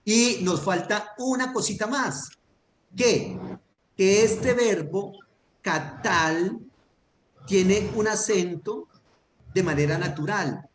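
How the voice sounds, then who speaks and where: A man's voice: high-pitched, takes it slowly. A man teaching a grammar lesson online, patient and methodical, often checking that his student follows. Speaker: Hebrew teacher. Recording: echoey room with faint noise.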